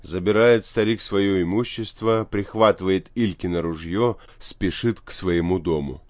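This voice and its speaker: Male narrator, low voice, dry close audiobook read. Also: measured pace, darkish tone, no room sound. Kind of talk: scripted narration.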